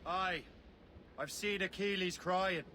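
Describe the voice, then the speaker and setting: A man's voice: high voice, takes it slowly, bright, forceful tone, slight background noise, heavily acted. An actor playing Shay, a young male sailor and assassin, speaking bluntly and grimly in a video game cutscene. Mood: uneasy. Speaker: game protagonist.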